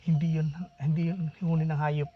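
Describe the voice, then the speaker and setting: A man vlogging outdoors near a forest, talking in a hushed, uneasy way and urging his companion to leave. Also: fairly high pitch, flat delivery, normal speed. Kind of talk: casual vlog narration. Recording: dull lo-fi phone audio with outdoor noise.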